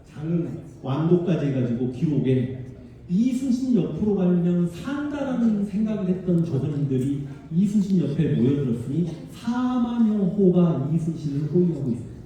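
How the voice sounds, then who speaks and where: Male history lecturer, lively and emphatic, dark voice, heard from afar in a booming hall. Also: slight background noise. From Korea, Honam region. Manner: animated, emphatic, chatty with the audience. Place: large civic auditorium. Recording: distant, very echoey hall sound.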